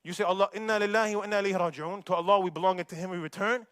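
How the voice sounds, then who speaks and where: A man giving a Friday sermon, animated and quick, mixing Arabic recitation with casual street talk. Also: sits high, smooth, no echo, studio quality. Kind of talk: khutbah sermon. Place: mosque.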